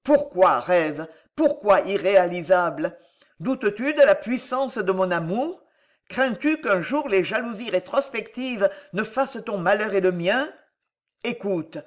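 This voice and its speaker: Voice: medium pitch, voice pushed up, natural voice. A reader voicing a passionate, pleading male monk in a dramatic audiobook, impassioned and insistent.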